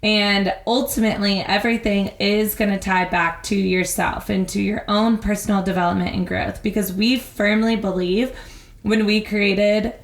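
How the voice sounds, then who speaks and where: An animated woman co-hosting a casual podcast, talking at a middle pitch and slipping into quick voices to act out scenes. The room around her voice is roomy and echoey. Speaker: podcast co-host. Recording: roomy echo.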